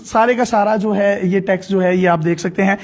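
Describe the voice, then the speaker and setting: High-voiced man hosting an interview. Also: steady tone, darkish tone. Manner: explanatory, devout phrasing. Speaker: host. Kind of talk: TV interview demonstrating an app.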